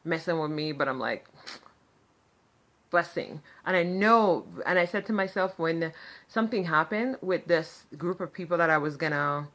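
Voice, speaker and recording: A woman speaks straight to camera in a loose, rambling storytelling style, piling up fillers as she goes. Her voice sits a little low for a woman, and she is openly sarcastic. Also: normal speed. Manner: chatty, animated, full of fillers. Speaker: vlogger. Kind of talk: casual storytelling monologue.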